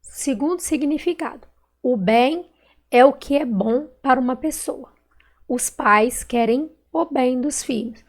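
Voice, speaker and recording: A woman's voice: sits high, a little slow. A female primary school teacher from Brazil with a Minas Gerais accent, correcting exercises in a recorded online class and stretching out words and syllables patiently. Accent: Brazilian Portuguese, Minas Gerais.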